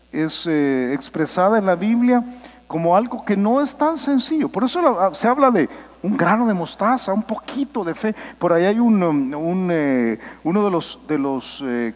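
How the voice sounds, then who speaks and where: Pastor, male, preaching in a reverberant church hall with a very animated delivery. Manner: lively preaching, acts out quotes with sudden pitch drops. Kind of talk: sermon. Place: church sanctuary.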